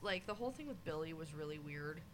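A woman's voice: sits low, lively intonation, fast, a loud crowd. A young woman co-hosting a podcast, chatting casually about a TV season and hedging a lot with "like" and "I feel like". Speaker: podcast co-host. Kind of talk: casual chat reviewing a TV season.

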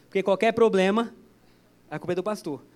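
Very high-voiced joking pastor man. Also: a little fast, darkish tone. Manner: chatty, joking, storytelling. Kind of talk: sermon. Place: church service.

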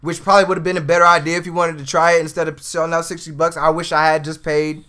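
A man's voice: on the high side, level tone, fast, sharp tone, smooth. A man co-hosting a casual gaming podcast, laid-back and slangy, laughing often. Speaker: podcast co-host.

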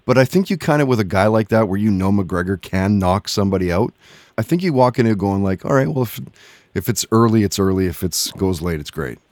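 A man hosting a casual chat, relaxed and agreeable, with frequent short backchannels. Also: lowish voice, fairly quick, no echo. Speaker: host.

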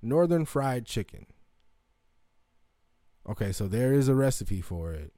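A man's voice: medium pitch, big pitch swings, unhurried, dark tone, no echo, studio quality. A young man hosting a casual comedic monologue, rambling and profane with lots of ums and asides. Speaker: show host.

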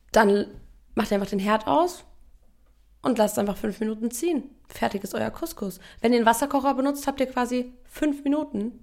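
A woman's voice: a little high, gravelly. A young woman co-hosting a casual podcast, chatty and playful, walking listeners through recipes step by step and dropping English slang into her speech. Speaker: podcast co-host.

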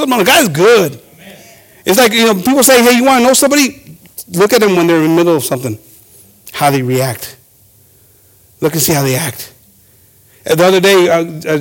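High-pitched man preaching bilingually. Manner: preaching with frequent restarts and "hermanos"; rises to emphatic high-pitched exhortation. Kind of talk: bilingual sermon.

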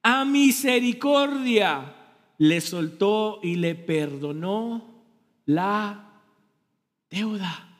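Man, pastor, sermon, high-pitched, slow, echoey church hall. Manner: animated preaching, asks the congregation questions; self-deprecating humor. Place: church sanctuary.

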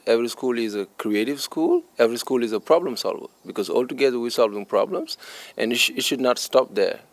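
A man's voice: mid-range voice, no room sound. A man from Senegal with a Senegalese accent, an English teacher answering interview questions earnestly, stressing points through repetition.

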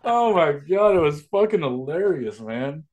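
Swinging widely in pitch from a somewhat high base, this podcast co-host talks in an unhurried way, his voice loud and powerful. He rambles through funny workplace stories, joking and cursing in casual comedic chat.

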